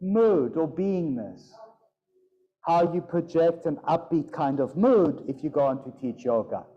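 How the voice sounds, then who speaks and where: A man teaching a yoga and Sanskrit pronunciation class, playful and demonstrating sounds aloud. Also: mid-range voice. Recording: dull lo-fi sound.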